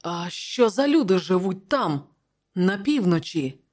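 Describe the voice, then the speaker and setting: A narrator reading an audiobook voices a cheerful young nobleman with a light, teasing tone, pitched higher than the narration. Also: very animated, unhurried, darkish tone. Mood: surprised. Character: cheerful young nobleman friend of the king, man.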